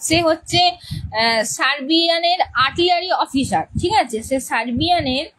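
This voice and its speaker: A woman's voice: high voice, normal speed, a bit bright, low-quality recording. A woman English teacher explaining a play's characters to students, repeating key words and often checking that they understand.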